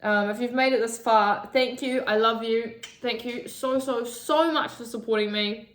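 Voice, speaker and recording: A woman's voice: on the high side, steady tone, moderate pace, fairly bright tone. Candid young woman on a phone, echoey. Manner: raw, emotional, swears often. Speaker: vlogger. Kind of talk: candid confessional vlog. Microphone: phone camera.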